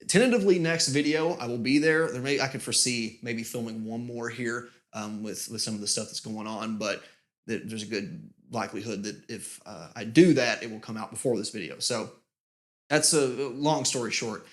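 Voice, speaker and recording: A man casually giving a channel update with lots of fillers, his voice booming with reverb in a nearly empty studio room. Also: normal speed. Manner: rambling, many fillers and restarts. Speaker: music channel host.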